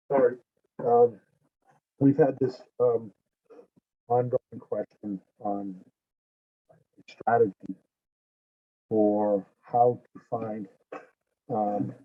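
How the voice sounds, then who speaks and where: Man, muffled through a wall, slow hesitant speech, tinny call audio, dry. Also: lowish voice, dry recording. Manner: hesitant, many pauses and fillers. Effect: muffled, as if heard through a wall. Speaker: attendee asking for help. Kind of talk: casual video call. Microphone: laptop mic on a video call.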